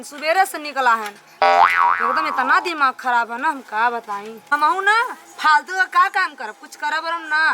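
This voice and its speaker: A woman with an Awadhi accent playing an exasperated village wife who nags and scolds in a comedy skit. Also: background noise. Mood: fed up. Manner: shrill, nagging, combative complaining.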